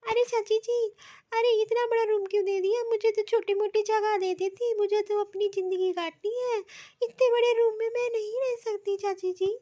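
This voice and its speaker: A woman's voice: very high voice, little pitch movement, normal speed, mellow. A woman voicing a meek young widowed daughter-in-law in a cartoon, humble, polite and grateful. The recording is dull and lo-fi. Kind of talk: cartoon voice acting.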